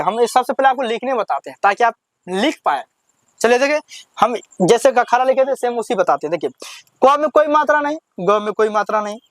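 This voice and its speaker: High-voiced man teaching the alphabet. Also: dry recording. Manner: patient, repetitive, drawing out each syllable when reciting. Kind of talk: beginner alphabet lesson.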